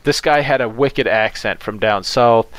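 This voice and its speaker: A man in casual conversation, rambling through his stories with constant fillers, false starts and frequent swearing. His voice sits at a middle pitch and sounds close and dry, with no room echo. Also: measured pace, fairly bright tone. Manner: swears a lot, rambling with many fillers and restarts. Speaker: pizza delivery driver. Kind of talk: casual chat.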